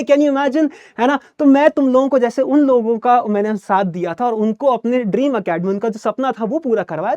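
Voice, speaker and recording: A young man teaching English in an energetic online class, talking like a friendly big brother and often checking in with his students. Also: very high-pitched, no room sound, studio quality.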